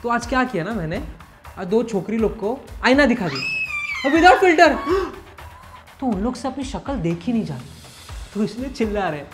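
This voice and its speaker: A man's voice: very high-pitched, big pitch swings, moderate pace, long pauses, music in the background. A man in a comic sketch playing a stern, mocking rehab centre staffer who scolds the patients.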